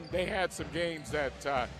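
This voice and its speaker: A man's voice: on the high side, slow pace, music in the background. An American man giving live pre-game basketball commentary as a play-by-play announcer.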